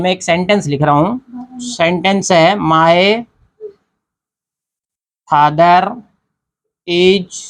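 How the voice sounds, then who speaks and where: A man teaching an English grammar lesson. He explains step by step, repeats each point, and keeps checking in with the class. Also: high voice. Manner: explains step by step, repeats key points, often asks "theek hai na".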